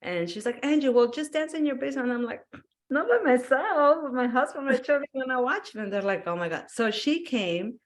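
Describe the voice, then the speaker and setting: A woman's voice: high voice, animated, a little fast. A woman from Peru, a guest in a casual interview chat, telling stories with animation, acting out quotes and laughing often. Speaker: guest, wellness business owner.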